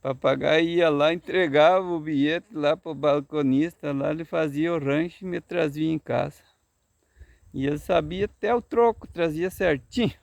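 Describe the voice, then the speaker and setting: Older gaúcho grandfather, folksy earnest storyteller; high, gravelly voice, dry close recording. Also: moderate pace, no echo. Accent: Southern Brazilian (gaúcho). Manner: folksy, earnest, insisting it is true. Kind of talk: telling a tall tale.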